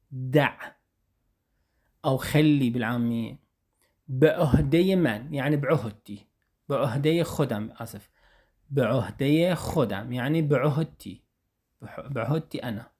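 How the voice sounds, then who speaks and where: A man's voice: medium pitch, lively intonation, a little mellow. Iraqi man teaching Persian phrases. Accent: Iraqi Arabic. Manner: slow careful repetition of example phrases. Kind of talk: explaining Persian phrases in Arabic.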